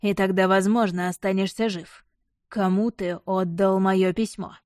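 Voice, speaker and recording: A woman's voice: medium pitch, fairly even intonation, unhurried, a little mellow, dry recording, studio quality, lightly acted. A woman reading an audiobook voices a stern, suspicious nobleman who questions his servants in terse, commanding lines.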